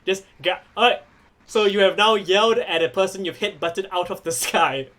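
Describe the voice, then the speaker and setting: A man serving as game master for a live-streamed tabletop wrestling game, animated and quick to laugh. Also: high-pitched, slight background noise. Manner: animated, laughing, voices characters.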